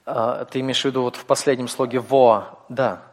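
A teacher lectures a class patiently, explaining things with frequent fillers, small hesitations, and many pauses. His steady voice sits at an ordinary middle pitch and carries a long reverb from the hall around him.

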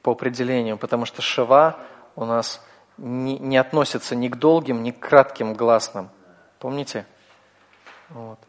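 A man lecturing to a class, patient and explanatory, pausing often with small hesitations. His voice sits at an ordinary middle pitch and carries a long reverb from the hall around him. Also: fairly even intonation. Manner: patient, explanatory, with frequent fillers. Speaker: teacher.

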